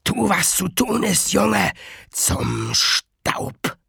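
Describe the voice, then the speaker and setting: A man's voice: high-pitched, big pitch swings, slow pace, creaky, sharp tone, breathy edge, no room sound, clean studio sound, pitched above the performer's own voice, exaggerated voice. A man voicing a brutal, impatient male thug who barks orders in urgent half-whispers.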